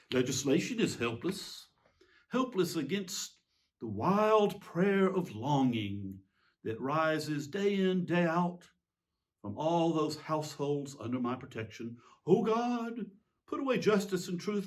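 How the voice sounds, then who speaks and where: Guy doing a whiny self-important tyrant king, stagey monologue, kinda high and all over the place, indignant and pompous. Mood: despairing, then mock pleading. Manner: pompous, indignant, declamatory with emphatic pauses. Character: King Herod, petulant, self-justifying male tyrant in exasperation. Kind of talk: theatrical dramatic monologue reading.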